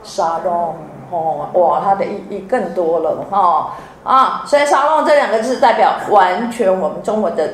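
A middle-aged woman with a Taiwanese Mandarin accent gives a sermon as a pastor's wife, lively and often asking the audience questions. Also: medium pitch, moderate pace, hardly any pauses. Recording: echoey hall with faint background noise.

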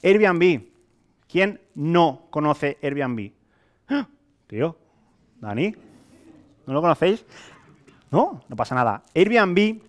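Indoors at a hotel meeting room, a young sales presenter with a Spain Spanish accent speaks to a modest audience. His voice sits a touch high for a man, and his animated, casual pitch relies on rhetorical questions and relatable everyday examples.

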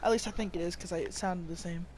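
A man's voice: high-pitched, steady tone, fast talker, darkish tone, slight background noise. A man chatting casually and joking while playing a game with a friend. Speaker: gamer. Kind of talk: casual gameplay chat.

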